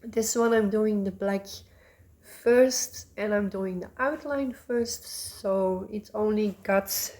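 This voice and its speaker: A cross-stitch vlogger chats casually in show-and-tell style, a slow, rambling woman of medium pitch who fills her talk with ums and soft asides.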